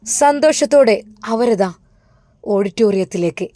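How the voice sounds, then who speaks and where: A woman with a Malappuram accent narrating a story in an emotional, hushed way. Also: a little high, expressive, unhurried, no room sound. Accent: Malappuram Malayalam.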